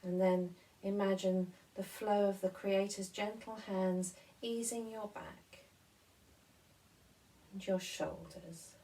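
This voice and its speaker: Woman doing a gentle guided meditation, really slow, mellow voice, mic a bit far off. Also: mid-range voice, fairly even intonation. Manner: gentle, soothing, unhurried instruction with pauses. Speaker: guided relaxation and devotional movement leader.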